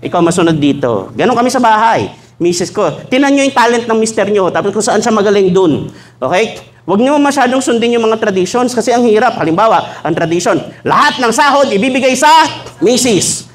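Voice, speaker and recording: A man's voice: high-pitched, lively intonation, brisk. A man preaching a sermon to a church congregation, mixing jokes with teaching and acting out little dialogues in shifted voices. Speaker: pastor. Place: church hall.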